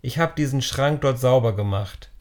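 A man voicing a friendly village pastor with a warm, deep voice, speaking politely and calmly in an audiobook. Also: moderate pace, close to an everyday voice.

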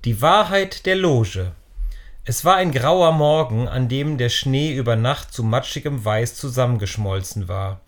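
A man narrating a children's novel as an audiobook, reading in a steady, descriptive storytelling manner. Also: medium pitch.

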